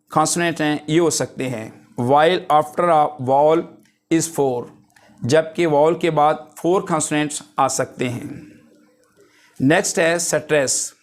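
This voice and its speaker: A man giving a linguistics lesson, with a voice a touch higher than most men's. He speaks very slowly, dictating definitions word by word and then explaining them more casually. He reads out example words one after another in a steady teaching rhythm. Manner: slow, deliberate dictation of English definitions, then explains in Urdu-Hindi. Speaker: English teacher. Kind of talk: lecture.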